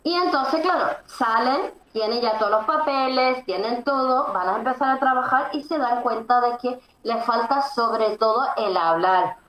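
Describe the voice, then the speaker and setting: A woman as an interview guest, explaining emphatically and often pausing on fillers. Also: a little high, fairly bright tone. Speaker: interview guest, Swedish teacher. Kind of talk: conversational explanation. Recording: echoey room, faint background noise.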